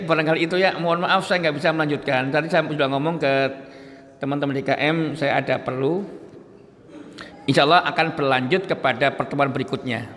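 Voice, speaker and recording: A man's voice: on the high side, a bit bright. A man preaching a casual religious lecture in a mosque, telling stories with laughter and talking straight to the congregation. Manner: chatty storyteller who laughs and addresses the audience directly. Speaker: Islamic preacher. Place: mosque hall. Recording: echoey mosque hall.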